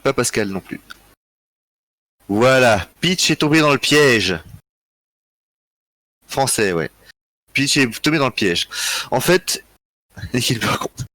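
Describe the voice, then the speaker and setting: A tired man hosting a live history quiz, reading out chat answers in a relaxed, joking way with frequent chuckles. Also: mid-range voice, takes it slowly, pauses often, no room sound. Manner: relaxed, joking, chuckles often, thinks aloud. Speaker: quiz host.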